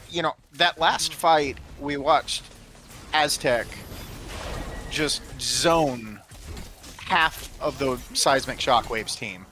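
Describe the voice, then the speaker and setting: A man giving analytical esports commentary in a measured, halting way, often repeating the start of his phrases. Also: medium pitch, pushed and bright, a little hiss or hum.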